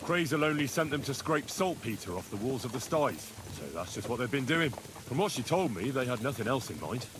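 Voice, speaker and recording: A man's voice: medium pitch, animated, a little fast, background noise, lightly acted. An actor playing an earnest, curious, plain-spoken young male adventurer in a video game. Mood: earnest, defensive. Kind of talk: video game character dialogue. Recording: music behind the dialogue.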